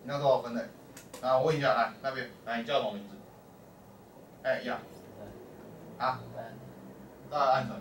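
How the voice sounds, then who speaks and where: A man's voice: medium pitch, steady tone, brisk, long pauses. A man teaching a math class, quizzing his students and prompting them with short calls to answer. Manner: constantly quizzes the class, peppering speech with "lai" and "o" prompts. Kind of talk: classroom lecture. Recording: echoey classroom from far off with faint hum.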